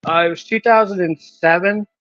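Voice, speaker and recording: A man's voice: high voice, steady tone, normal speed, a bit bright, no room sound, lo-fi sound. A man in his thirties, a wrestling promoter, talking in a casual podcast interview with hesitant ums and restarts. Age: 30s.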